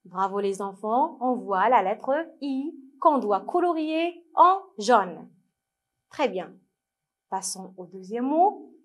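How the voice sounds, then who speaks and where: A woman teacher with a Moroccan accent, slowly sounding out words and syllables for young children to repeat. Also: a little high, lively intonation. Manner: slow, clearly syllabled, repeating words for children to read along. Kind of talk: French lesson for young children.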